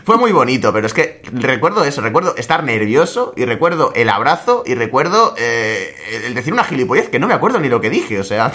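Lively laughing young man. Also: medium pitch, a little fast, hardly any pauses. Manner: lively, laughs often, slangy. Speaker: podcast co-host. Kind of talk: casual chat.

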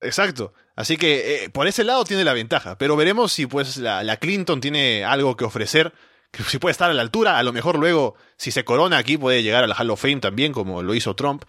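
A man co-hosting a casual podcast, relaxed and thinking aloud with small restarts. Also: medium pitch, fairly quick, no echo, studio quality. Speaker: podcast co-host. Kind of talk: casual wrestling podcast chat.

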